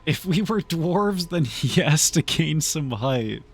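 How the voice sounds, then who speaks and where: A man's voice: fairly high pitch, animated, takes it slowly, slightly rough. A man streaming a game, giving casual, playful commentary and theatrically deliberating with his chat. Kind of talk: casual live gameplay commentary.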